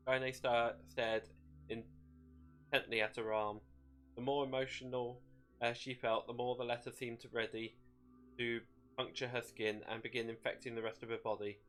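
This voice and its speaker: A man's voice: mid-range voice, little pitch movement, moderate pace, fairly bright tone, faint music behind. A man narrating a dramatic story, sometimes stumbling over a word and rereading it.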